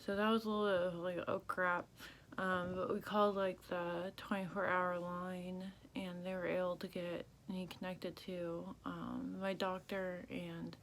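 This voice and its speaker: A tired, congested woman vlogging casually and haltingly, with restricted jaw movement as if her mouth were banded shut and swollen. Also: on the low side, level tone, a little hiss or hum. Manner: slow, halting, subdued. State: sore, swollen mouth after jaw surgery. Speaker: video blogger. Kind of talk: casual recovery vlog.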